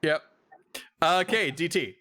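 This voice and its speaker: A man's voice: on the high side, lively intonation, slow pace, bright, forceful tone. A man running a tabletop game as dungeon master, giving dry, matter-of-fact rulings.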